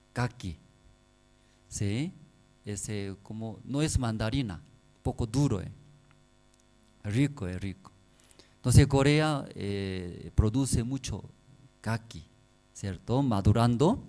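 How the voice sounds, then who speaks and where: A man with a Korean accent preaching a sermon in halting, non-native phrasing, often checking with the congregation through short rhetorical questions. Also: on the low side, vocal fry, dark tone, low-quality recording. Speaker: pastor.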